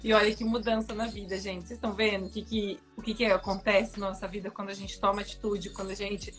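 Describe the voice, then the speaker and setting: A woman's voice: mid-range voice, flat delivery, fast, faint music behind. A woman host from São Paulo state in Brazil, interviewing enthusiastically and speaking directly to her audience. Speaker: host and mentor. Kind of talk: casual interview chat.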